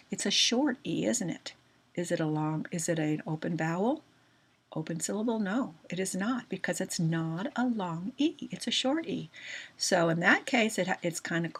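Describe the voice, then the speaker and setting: Patient woman teacher, low and gravelly, walks students through a lesson slowly. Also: fairly bright tone. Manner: patient, slow, asks students checking questions. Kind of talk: recorded homeschool grammar lesson.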